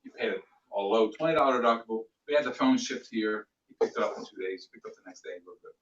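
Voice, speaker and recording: A man leading a sales training class, animated and acting out customer exchanges. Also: lowish voice, fast. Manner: animated, plays out customer dialogues. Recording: echoey room, distant mic, dull sound.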